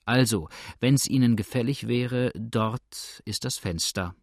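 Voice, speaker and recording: A man voicing a calm, shrewd innkeeper who speaks in a dry, matter-of-fact way. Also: mid-range voice, slow pace, no echo. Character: calm, shrewd male innkeeper, dryly indifferent.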